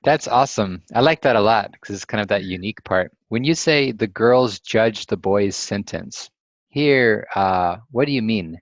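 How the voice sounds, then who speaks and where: A man's voice: lowish voice, animated, normal speed, no echo. A man moderating a casual online discussion, upbeat and encouraging, asking follow-up questions. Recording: dull, dry, lo-fi call audio.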